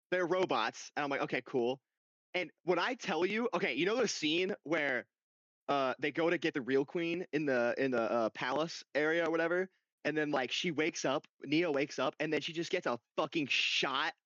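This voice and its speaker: A young man in casual podcast chat, telling a game story with excitement and frequent swearing. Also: a little high, dry recording. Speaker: podcast co-host. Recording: dull lo-fi dry sound.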